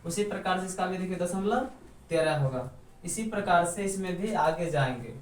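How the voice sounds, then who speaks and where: A man with a high-pitched voice teaches math at a board, walking through each step and answering the questions he puts to the class. His voice comes from some way off the mic and rings around an echoey room, with faint noise behind it. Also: normal speed, distant mic. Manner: asks the class questions and answers them himself. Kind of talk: step-by-step blackboard math lesson.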